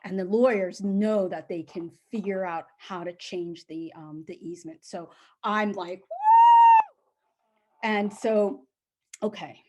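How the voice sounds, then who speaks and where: A middle-aged woman telling a personal story aloud, lively, acting out the other people in it. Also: medium pitch, unhurried, slight background noise. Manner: animated, acts out the voices of people in her story.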